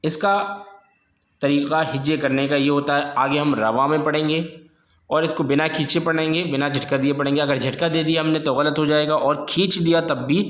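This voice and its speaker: A male teacher giving a slow, patient lesson, spelling out syllables one by one and repeating them for the learner. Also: fairly high pitch, steady tone, fairly bright tone. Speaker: Quran reading teacher. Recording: roomy echo.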